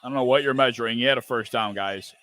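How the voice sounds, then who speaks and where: A man hosting a live football watch-party stream, calling plays and reacting in an excitable, profane way. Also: medium pitch, fast.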